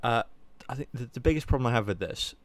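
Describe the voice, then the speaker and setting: A man's voice: medium pitch, fast talker, no echo. A young man, by the sound of his talk, reviewing a horror sequel in a casual chat, candid and rambling, swearing now and then. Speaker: podcast co-host.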